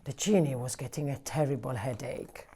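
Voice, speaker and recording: A woman working as a library storyteller, reading a picture book aloud to children in an animated way and acting out the sound effects. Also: rumbling low, normal speed, creaky, breathy edge.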